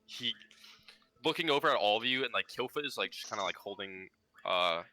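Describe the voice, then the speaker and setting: A man's voice: on the low side, lively intonation, a little fast, bright, forceful tone, a little hiss or hum, poor audio. A man narrating a tabletop game as game master, in loose speech with a lot of "like.".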